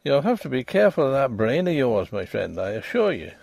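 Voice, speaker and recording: Man playing a hearty, forceful Irish doctor, animated delivery. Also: mid-range voice, a little fast, creaky, no echo. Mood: grim. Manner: hearty, scoffing, bossy. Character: brisk, mocking young Irish doctor, burly and forceful. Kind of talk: dramatic audiobook character voice.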